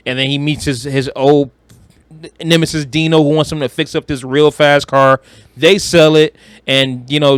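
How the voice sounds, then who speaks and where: A Detroit man with an American accent co-hosts a podcast, chatting casually and with plenty of slang about movies like a joking storyteller. His voice is fairly high, a bit bright and smooth, recorded dry.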